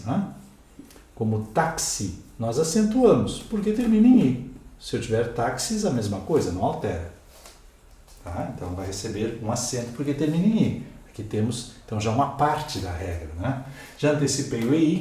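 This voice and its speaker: A man's voice: medium pitch, dark tone, very echoey. A Brazilian man teaching a grammar lesson at a board, explaining step by step and checking in with his listeners. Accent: Brazilian Portuguese. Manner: explanatory, checks in with "né?" and "ok?", spells out letters. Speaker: Portuguese teacher.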